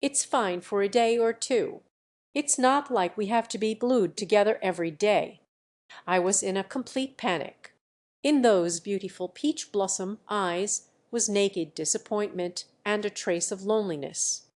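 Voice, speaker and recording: A woman narrating a romance story in a steady, even storytelling voice. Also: mid-range voice, unhurried. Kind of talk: scripted audiobook narration.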